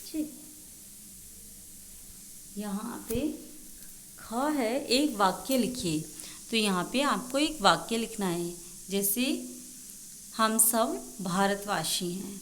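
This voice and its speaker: A woman teacher takes a young class through a lesson at a slow, careful pace. She spells words out piece by piece and repeats every answer. The room is echoey, with a faint hiss of noise underneath. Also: mid-range voice, fairly bright tone. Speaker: school teacher. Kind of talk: recorded Hindi class lesson for young children.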